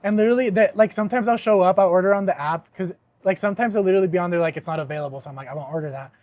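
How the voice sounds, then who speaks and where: A young man hosting a podcast, telling a story in casual chat, animated and swearing often, with laughs mixed in. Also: high-pitched, rapid-fire, no room sound. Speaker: podcast host.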